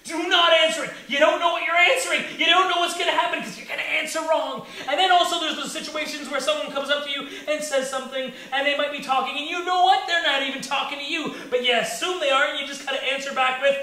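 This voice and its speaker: A young man in a comedic rant, loud, exasperated and mocking himself. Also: extremely high pitch, fairly even intonation, fast talker, few pauses. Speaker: comedic ranter. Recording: very echoey room.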